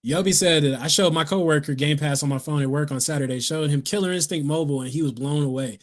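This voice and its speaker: A man's voice: fairly high pitch, fast talker. A man co-hosting a gaming podcast, chatting casually in slang and reading out viewer comments. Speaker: podcast co-host. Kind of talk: casual chat.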